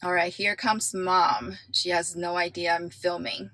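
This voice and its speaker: A woman's voice: on the low side, flat delivery, unhurried, pushed and bright, a little hiss or hum. A woman from Taiwan, a native Chinese speaker, chattily explaining step by step from inside her car. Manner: chatty and explanatory, walking viewers through steps. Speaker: car vlogger. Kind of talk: casual vlog narration.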